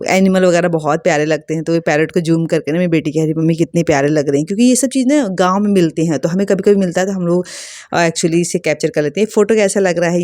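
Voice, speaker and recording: A woman's voice: fairly low pitch, darkish tone, no echo, clean studio sound. A woman vlogger chatting casually and rambling with many fillers, recorded outdoors on a rooftop. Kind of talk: casual family vlog chat.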